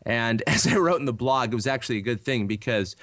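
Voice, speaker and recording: A man's voice: medium pitch, quick pace, fairly bright tone, no room sound, studio quality. A man in his thirties co-hosting a podcast, telling a rambling story in a casual chat, full of fillers and restarts. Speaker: podcast co-host.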